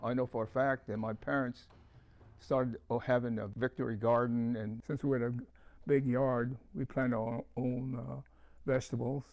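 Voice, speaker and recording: An older man from Hawaii giving an oral history, calm and measured with some hesitations. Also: medium pitch. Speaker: witness recalling childhood.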